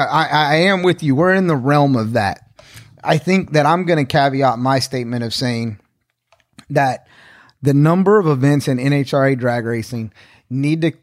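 A man with a mid-range voice co-hosts a podcast, chatting casually as he works through his points step by step and readily agrees. The audio is studio quality with no echo.

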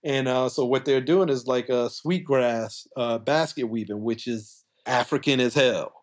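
A man from talks as a podcast guest in a medium-pitched voice. His delivery is casual and colloquial, explaining as he goes with plenty of conversational filler. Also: unhurried. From coastal South Carolina, US. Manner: conversational, colloquial, frequent "like" and "you know". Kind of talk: casual explanatory interview talk.

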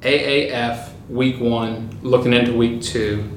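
A man's voice: mid-range voice, steady tone, a little slow. A man hosting a casual podcast, rambling along with many fillers and chuckles. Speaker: podcast host. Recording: echoey room with faint noise.

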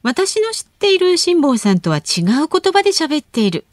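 A woman's voice: high-pitched, very animated, normal speed, no echo. A woman co-hosting a radio show, reading listener mail and notices, giggly in the banter. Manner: bright, giggly, reads notices smoothly. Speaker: radio announcer and co-host.

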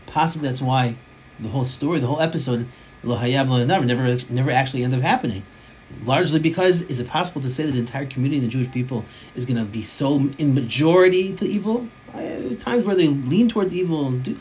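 Animated man giving a Torah class. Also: on the high side, a little hiss or hum, rough recording. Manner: animated, restarts phrases, mixes Hebrew terms. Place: his home office.

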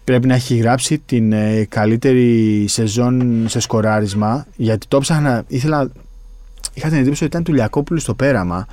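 A man co-hosting a podcast, chatting casually and recalling things quickly, often cutting in to insist. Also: mid-range voice, warm tone, dry recording. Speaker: podcast co-host. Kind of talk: casual chat about basketball.

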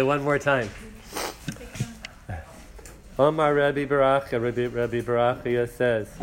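Male teacher, mid-pitched, unhurried explaining, faint hiss behind. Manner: explains slowly, translating and counting lines aloud. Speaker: Torah class teacher. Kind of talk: teaching a text class.

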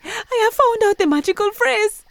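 A woman voicing an excitable male hyena who loves music, speaking in a high, eager, cackling way. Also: moderate pace. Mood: excited.

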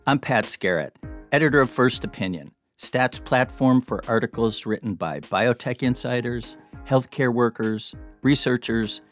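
A man hosting a podcast, reading intros and asking interview questions in a measured, polite way. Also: mid-range voice. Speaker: podcast host, editor.

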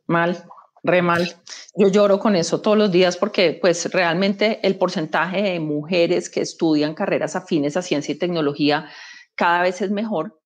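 A woman's voice: lowish voice, fairly even intonation, moderate pace. A woman, an executive guest speaking emphatically in a conversational interview, making her points with anecdotes and rhetorical questions.

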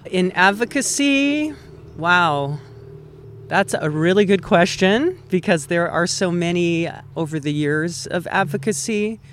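A woman's voice: on the low side, lively intonation, slow, slight background noise. Guest: middle-aged woman from Hawaii, chatty, upbeat, recorded outdoors. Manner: chatty and upbeat, thinking aloud. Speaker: guest, town council member. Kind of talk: casual interview talk. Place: outdoors under a tree at a mountain base.

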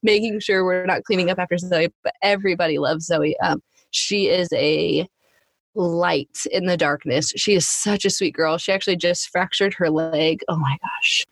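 A woman's voice: lowish voice, fairly even intonation, moderate pace, no room sound. A woman guest on a podcast, telling a family story in a chatty way full of likes and ums. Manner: chatty, many likes and ums, laughs often. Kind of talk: casual conversational storytelling.

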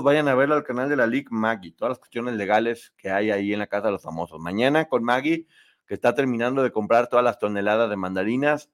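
A man hosts a casual live show, reading viewer comments aloud. He talks in a chatty, opinionated way, and his pitch swings up and down often.

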